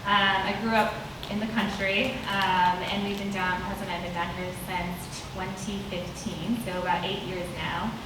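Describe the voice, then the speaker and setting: Upbeat woman from upstate new york pitching on a panel, far mic, echo. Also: little pitch movement, normal speed. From Western New York. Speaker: gut health coach on a panel. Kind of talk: panel introduction. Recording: very echoey room, distant mic, noisy.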